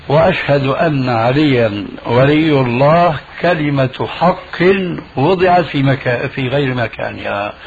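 A man's voice: medium pitch, a little hiss or hum. A man answering a caller on a radio show as a religious scholar, pressing with argumentative rhetorical questions. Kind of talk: call-in radio Q&A. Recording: muffled lo-fi radio recording.

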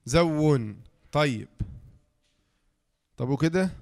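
A man with an Egyptian accent teaching a tajweed lesson, who asks the class questions, answers them himself, and slowly draws out the example sounds. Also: fairly high pitch, expressive, darkish tone. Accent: Egyptian Arabic. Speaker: Quran recitation teacher.

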